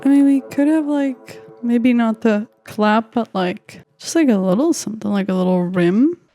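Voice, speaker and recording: A woman's voice: on the high side, moderate pace, dark tone, dry recording, studio quality, faint music behind. A woman chatting casually and rambling as she builds a beat, with lots of "like" and playful asides. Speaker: music producer. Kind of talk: casual vlog commentary while making a beat.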